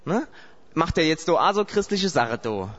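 A loud, raised voice of a gossiping small-town local, thick with broad regional dialect, as a preacher puts him on. The chatter rides higher and louder than his plain talk. It sits on a dull, lo-fi recording. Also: sing-song, moderate pace, long reverb tail.

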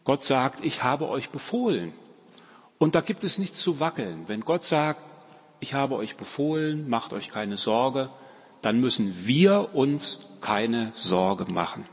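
Husky-voiced preacher in echoey hall. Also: male voice, mid-range voice, very animated, takes it slowly. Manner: emphatic, repeats key phrases, varies loudness. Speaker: pastor. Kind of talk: farewell sermon.

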